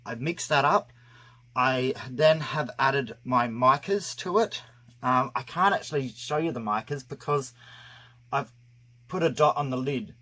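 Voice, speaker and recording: A man's voice: medium pitch, animated, a little slow, bright, forceful tone. A man narrating a casual hands-on craft tutorial, his voice muffled by a face mask over his mouth, explaining things step by step. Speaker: craft video host.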